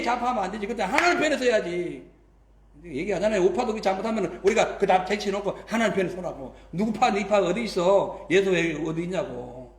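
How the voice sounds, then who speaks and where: A man's voice: very high-pitched, echoey room. A male pastor delivering a sermon, emphatic, with frequent rhetorical prompts to the congregation. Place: church sanctuary.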